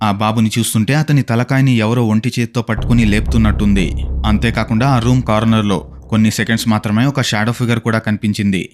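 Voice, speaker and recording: Fast-talking man narrating ghost clips. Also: lowish voice, noisy background. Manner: brisk, steady storytelling, asks viewers questions. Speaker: narrator of a ghost video compilation. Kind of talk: scripted narration.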